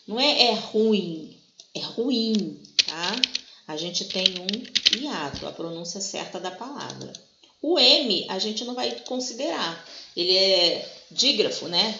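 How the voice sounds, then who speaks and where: In a bright, forceful, medium-pitched voice, a woman teacher patiently explains grammar, frequently checking with "tá?" that her students follow. The recorded lesson has a little hiss or hum, echoes around the room and sounds dull and lo-fi.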